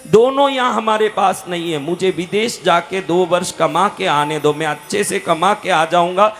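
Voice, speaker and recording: A man's voice: high-pitched, moderate pace, fairly bright tone. A man voicing a poor husband who earnestly tells his wife he must go abroad to earn money, in a story sermon. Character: poor husband set on going abroad to work.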